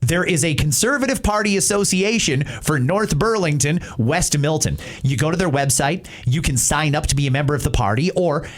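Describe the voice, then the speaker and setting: A Canadian-accented man hosts talk radio, answering listener messages with emphatic, plain-spoken opinions in a conversational tone. His voice is fairly high, with lively intonation, a moderate pace and few pauses.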